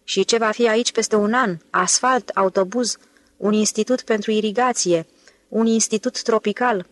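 A woman's voice: mid-range voice, dry recording, close to an everyday voice. A woman reading an eager young museum director. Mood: enthusiastic. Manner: eager, talkative, boastful about progress. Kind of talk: audiobook character voice.

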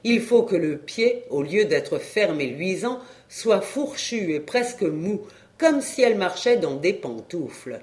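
A reader giving a literary story in expressive, varied audiobook narration. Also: medium pitch, measured pace.

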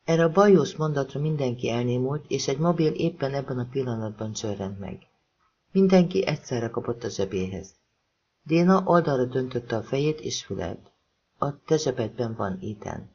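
Man narrating an audiobook, measured. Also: medium pitch, lively intonation, a little mellow. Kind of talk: scripted narration. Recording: slightly dull lo-fi audiobook.

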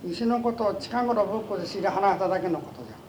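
A man's voice: high-pitched, fast talker, a little mellow. An older man with a western Japanese dialect, talking in a folksy, opinionated and emphatic way as he reminisces in an interview. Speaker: oral history interviewee, stone collector. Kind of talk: conversational reminiscence. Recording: noisy amateur interview tape.

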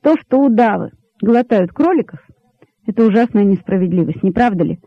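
A man's voice: high voice, animated, a little fast, dry recording. A man voicing a crafty old rabbit king. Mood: sly, grandiose. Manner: sly orator, stately speechifying. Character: elderly rabbit king, crafty and pompous, male. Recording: dull lo-fi dry recording.

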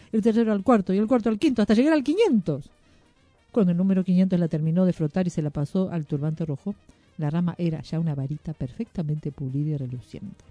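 A radio storyteller reading a children's story in a playful, lively way. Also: medium pitch, dry recording. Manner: playful, lively read with wordplay. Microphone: studio radio mic.

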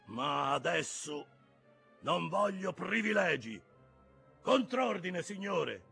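A man's voice: high voice, big pitch swings, takes it slowly, creaky, sharp tone, husky, soft background music, voice pushed up, full character voice. A man doing a defiant old sea captain. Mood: defiant command. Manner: commanding, proud. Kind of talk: audiobook character voice.

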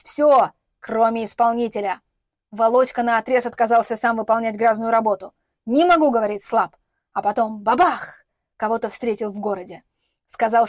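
A woman's voice: a little high, darkish tone, no room sound, clean studio sound. A woman voicing a bitter, defiant young woman who sneers and speaks vehemently, in an audiobook.

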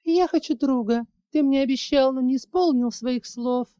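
A woman voicing a stubborn little dragon girl who pleads insistently in a high, childlike voice. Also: normal speed, mellow, smooth, natural voice. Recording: dull lo-fi audiobook recording.

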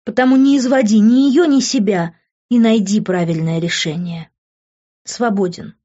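A woman's voice: medium pitch, normal speed, mellow, pitched above the performer's own voice, lightly acted. A woman voicing a stern, loving middle-aged mother who lectures her grown son insistently. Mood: scolding. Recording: dull lo-fi recording.

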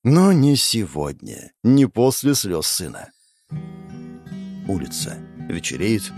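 A man narrating a fantasy audiobook in an expressive storytelling manner. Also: on the low side, slow pace. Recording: guitar music underneath.

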